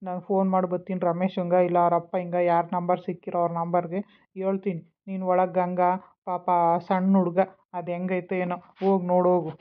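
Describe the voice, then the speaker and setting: Guy doing a worried village uncle, earnest and even, tinny phone-line sound. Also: high-pitched, brisk, clean tone, close to an everyday voice. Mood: concerned. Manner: earnest, rustic.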